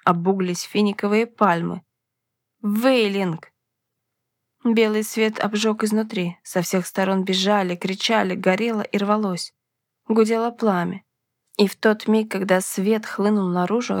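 A woman narrating a first-person fantasy audiobook, telling the story in a lively, expressive way. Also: medium pitch, no room sound, clean studio sound.

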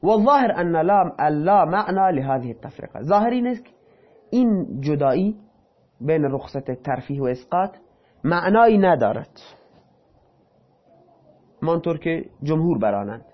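A man's voice: fairly high pitch, sing-song, long pauses, lo-fi sound. A man teaching a lesson who reads a passage aloud, then explains it in plain, casual speech. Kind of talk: reading and explaining a text.

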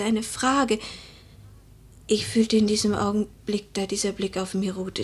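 A female voice of medium pitch and somewhat dark tone belongs to an actress in a literary radio drama. She plays a proud young widow of noble birth in mourning, speaking breathily and solemnly, often sinking toward a whisper.

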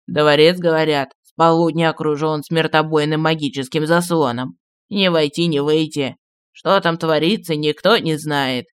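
Мужчина-чтец аудиокниги озвучивает старого маршала в отставке, неторопливого и ворчливого, который вспоминает былое. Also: male voice, steady tone, smooth, no room sound, close to an everyday voice. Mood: confiding. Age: older. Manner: slow, low, grumbling reminiscence. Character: old retired marshal, gruff, nostalgic, secretive.

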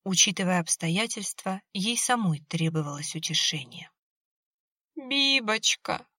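A woman reading an audiobook in an even, measured scripted narration. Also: mid-range voice, dry recording.

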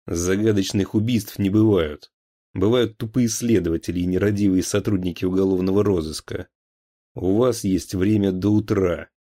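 A man's voice: on the low side, normal speed, mellow. A man reading an audiobook voices a curt, commanding male minister, a general who scolds his officers. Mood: stern, scornful.

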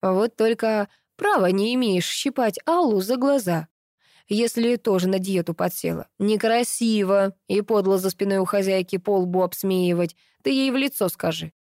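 A woman reading an audiobook, voicing a grumpy, sharp-tongued female housekeeper with a creaky, blunt, scolding manner. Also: medium pitch, moderate pace, dry recording, clean studio sound, natural voice.

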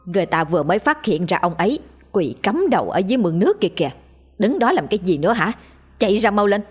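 A woman's voice: medium pitch, very animated, fast, slightly rough, soft background music. Casting: a woman as a breathless old neighbor, stammering and urgent, in a told ghost story. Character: panicked older village woman bringing bad news.

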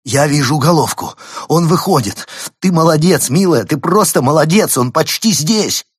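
An anxious husband urges and coaxes his wife through a home birth, as a male audiobook reader voices him. The voice is low and slightly husky, and he speaks close to a dry mic. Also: expressive, normal speed, a bit bright, no room sound, full character voice. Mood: urging. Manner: urgent, coaxing.

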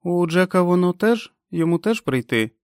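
A man's voice: high-pitched, expressive, normal speed, smooth, no echo, clean studio sound, voice pushed up. A man voicing a chatty, rueful woman who complains wryly about a rash.

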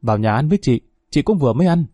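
A man's voice: mid-range voice, big pitch swings, racing, mellow, dry recording. A man playing a chatty middle-aged neighbor woman. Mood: friendly.

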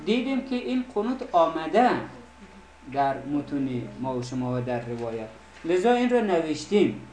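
A man teaching an Arabic recitation class, speaking slowly and deliberately and repeating words to correct pronunciation. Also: on the high side, sing-song, a little mellow. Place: seminary classroom. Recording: roomy classroom echo.

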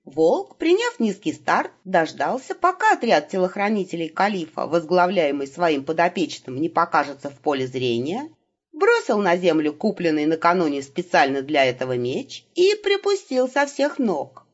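A woman narrating a humorous fantasy audiobook with expressive, ironic delivery. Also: fairly low pitch, normal speed, husky, muffled recording. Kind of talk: scripted narration.

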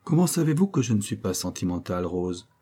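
A man doing a courteous, gentle young gentleman. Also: fairly low pitch, big pitch swings, brisk.

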